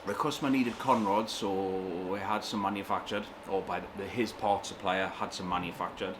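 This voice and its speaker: Male engine builder, low voice, casual technical talk, in a workshop, clear background noise. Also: fairly even intonation, a little fast.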